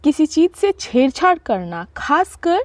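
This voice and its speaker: High-voiced Indian woman teaching vocabulary. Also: big pitch swings, darkish tone, dry recording. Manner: spells words letter by letter, reads English definitions slowly. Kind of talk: explaining word meanings.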